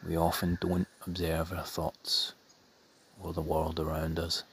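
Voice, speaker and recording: With a deep, monotone voice, a man quietly guides a meditation in a breathy, calming half-whisper. He speaks in measured phrases with long pauses, and a little background noise can be heard.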